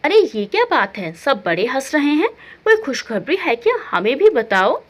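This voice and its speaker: A scheming, meddling older aunt in a family storybook, as a woman narrator puts her on, nosy and full of feigned concern. The lines come out bold and a bit loud, with a voice that leaps up and down. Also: high-pitched, very animated, normal speed.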